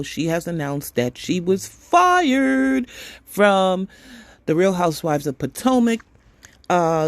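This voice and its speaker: A man's voice: a little high, dry recording. Chatty man hosting a gossip podcast. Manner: chatty, reads an article aloud. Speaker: podcast host. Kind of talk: casual commentary.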